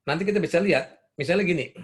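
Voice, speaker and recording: A man's voice: on the high side, racing. An older man speaking at a parenting seminar, telling stories and asking the audience questions. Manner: asks the audience questions, warm storytelling. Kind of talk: seminar talk answering questions.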